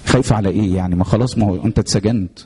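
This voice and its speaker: Guy doing a teasing jailer, egyptian accent, talks fast and low, gravelly. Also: mellow, long reverb tail. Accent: Egyptian Arabic. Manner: teasing, reassuring, calls him dear. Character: teasing male prison jailer, gruff but easygoing.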